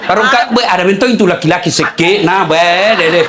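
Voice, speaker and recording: A man's voice: high voice, fairly quick, a crowd in the background, noisy background. A man preaching a humorous sermon with a Makassar Indonesian accent, joking and acting out dialogue in changed voices.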